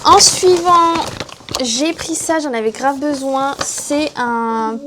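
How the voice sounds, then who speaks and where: Chatty high-voiced young mother vlogging. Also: slow, noisy background. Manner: chatty, searches for words, mixes in English terms. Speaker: family vlogger. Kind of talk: casual home vlog chat.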